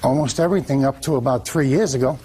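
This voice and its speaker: A man in his fifties with a gravelly voice, answering as a litigant in a TV court, plain-spoken, folksy and defensive. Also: mid-range voice, quick pace, warm tone. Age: 50s.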